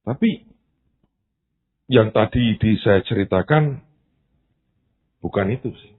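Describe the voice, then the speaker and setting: A man's voice: lowish voice, expressive, slow pace, slightly rough. A man preaching a sermon, telling stories earnestly, with emphasis that rises as he speaks. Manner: earnest storytelling, rising emphasis. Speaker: pastor. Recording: tinny phone-like band.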